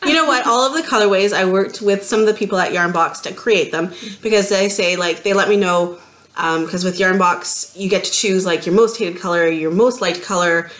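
A woman's voice: medium pitch, normal speed. Chatty Canadian woman podcast co-host. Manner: lively, laughing, self-mocking chatter. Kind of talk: casual podcast chat. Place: home craft room, seated with co-host.

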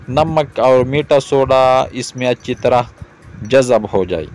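A man in his thirties from Pakistan, hosting a cooking video and calmly explaining each step to viewers outdoors. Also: medium pitch. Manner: calm, repetitive explaining, addresses viewers directly. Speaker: cooking channel host. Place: outdoors in a garden yard.

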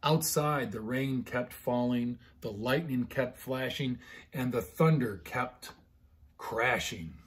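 In his living room at home, a middle-aged American pastor chats casually and reads children's bedtime stories with expression. He speaks slowly at a medium pitch.

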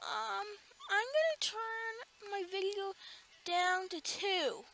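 A woman giving let's play commentary as the host of a gaming channel, excitable and quick to burst into alarmed exclamations. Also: very high voice, vocal fry, a little hiss or hum.

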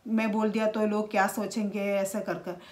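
A woman, talking casually to camera in a halting way with many restarts. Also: medium pitch, flat delivery, a little mellow. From India. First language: Malayalam. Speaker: vlogger.

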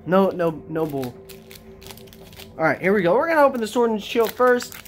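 A casual vlogger opening trading card packs, talking to viewers directly in an excitable, slangy way. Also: mid-range voice, moderate pace, soft background music. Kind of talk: casual unboxing chat.

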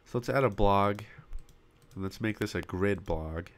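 In this casual screen-recorded software walkthrough, a man who is losing his voice narrates building a website step by step, with frequent pauses and the odd cough into a popping desktop mic. He is a web design tutorial host with a lowish voice.

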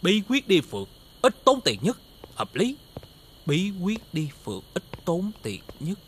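A man's voice: high-pitched, very animated, a little fast, sharp tone, slight background noise, heavily acted. A young man with a Southern Vietnamese accent, acting a breezy, self-assured penny-pincher in a TV comedy series. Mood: smug. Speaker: stingy younger brother Long. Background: music.

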